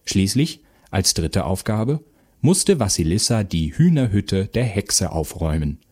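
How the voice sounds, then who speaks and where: A man narrating a children's fairy tale aloud in a slow, expressive storytelling manner. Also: deep voice, husky.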